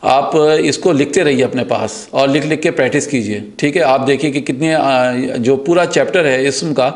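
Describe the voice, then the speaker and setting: A man, teaching a grammar lesson patiently, repeating key terms slowly and checking in with his students. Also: medium pitch.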